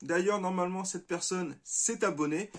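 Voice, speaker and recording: A man hosting a casual gaming vlog, talking to his viewers in a friendly, chatty way and pausing often with filler sounds. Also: sits high. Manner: hesitant, many filler sounds. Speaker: retro gaming channel host. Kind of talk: casual vlog showing game purchases.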